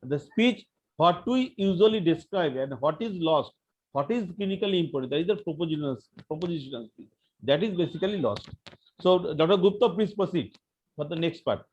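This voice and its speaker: High-voiced man lecturing doctors. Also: lively intonation, darkish tone. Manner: halting, repetitive lecturing. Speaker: senior physician chairing a case discussion. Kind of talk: medical teaching session. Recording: dull lo-fi online call audio.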